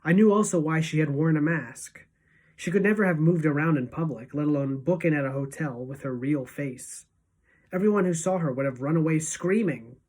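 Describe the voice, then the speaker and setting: A woman teacher reading a novel aloud to students, expressive and shifting between hushed and emphatic. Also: low voice, moderate pace, breathy edge, low-quality recording.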